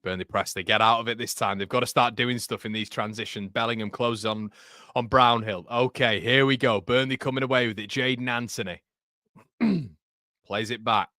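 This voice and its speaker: Steady and mid-range, with a bright, forceful tone and moderate pace, a Yorkshire man hosts a live match watchalong. He narrates the play, chats with viewers from the live chat between moves and laughs at his own jokes. Clean studio audio, no room sound.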